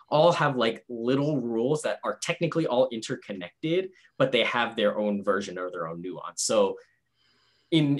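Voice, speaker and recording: A man giving a casual, rambling board game review, explaining step by step on a video call. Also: on the low side.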